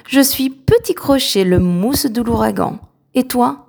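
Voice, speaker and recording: An eager young cabin boy from a storybook, as a woman reads him out. The voice sits high and lifts with hope, friendly and quick to warm up. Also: vocal fry.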